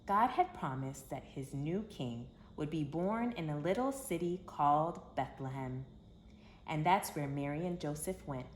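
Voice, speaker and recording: Reading a story aloud to young children, a woman with a fairly low voice uses simple phrasing and an expressive, emphatic delivery at a measured pace. The room is echoey, with background hiss ranging from faint to clear.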